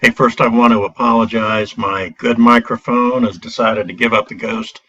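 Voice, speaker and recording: A man's voice: mid-range voice, steady tone, normal speed, fairly bright tone. Man on a dull, distant laptop mic. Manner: hesitant, frequent "uh" fillers and restarts. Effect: recorded through a built-in laptop computer mic. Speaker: product reviewer. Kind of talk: casual product review. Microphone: built-in computer microphone.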